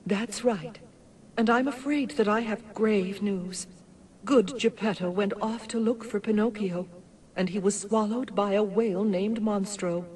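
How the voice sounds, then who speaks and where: Kindly fairy: formal, gentle, mid-pitched, game dialogue, a little off-mic. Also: female voice, fairly even intonation, a little slow, breathy edge. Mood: solemn. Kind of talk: animated video game voice acting. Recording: slightly distant, faint background noise.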